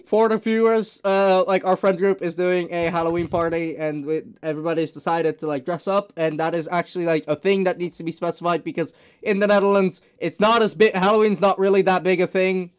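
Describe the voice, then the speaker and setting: Young male podcast host, high voice, loose rambling chat among friends. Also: fairly even intonation, clear, resonant tone. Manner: rambling, halting, restarts and filler words.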